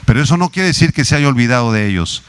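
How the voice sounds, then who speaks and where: Pastor preaching with rising emphasis. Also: male voice, lively intonation, clean tone. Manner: teaching, spells out Hebrew words slowly, rises in pitch on emphasis. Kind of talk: sermon.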